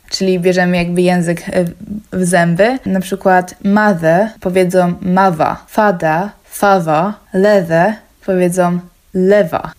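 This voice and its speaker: A woman's voice: mid-range voice, a little mellow. A woman in a chatty, explaining mode, walking the listener through how an accent sounds. She keeps breaking off to say sample words aloud with exaggerated pronunciation, then goes straight back to her easy conversational tone. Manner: demonstrates words by saying them in an exaggerated English accent. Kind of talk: casual explainer on English accents.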